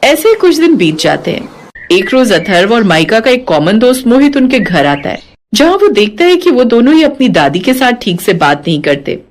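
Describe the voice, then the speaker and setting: Woman narrating a story, fairly high voice. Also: sing-song, normal speed.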